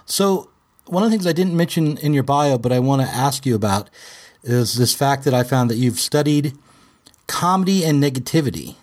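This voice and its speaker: A man hosting a podcast, reading a scripted introduction and then chatting loosely with his guest, often halting. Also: medium pitch, lively intonation, darkish tone. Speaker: podcast host and publisher. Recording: faint music under the intro.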